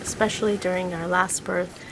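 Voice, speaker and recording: A woman's voice: fairly low pitch, steady tone, normal speed. A woman presenter speaking in an introduction to a recorded program. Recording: clear background ambient noise.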